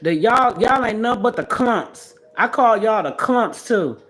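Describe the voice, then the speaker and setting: A woman's voice: on the high side, unhurried. Blunt, scolding woman in her sixties. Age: 60s. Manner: blunt, scolding, animated trash talk. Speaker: livestream host. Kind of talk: casual livestream commentary.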